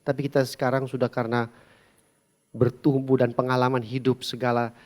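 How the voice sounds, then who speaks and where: A man in his thirties preaching a sermon as a pastor, telling a story with humor and lively swings between loud and soft, with English phrases mixed in. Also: medium pitch, fairly quick.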